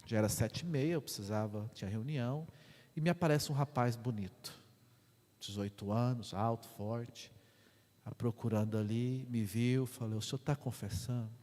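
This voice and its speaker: A parish priest from Brazil, telling a sermon story in an animated way. His voice sits mid-range for a man and drops to a hush before rising loud again. A long church reverb trails each phrase. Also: medium pitch, moderate pace.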